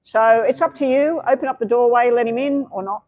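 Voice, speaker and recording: Chatty higher-pitched woman reading tarot. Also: a little fast, darkish tone, no echo, poor audio. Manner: chatty, meandering, with many fillers. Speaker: tarot reader. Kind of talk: live-stream tarot reading.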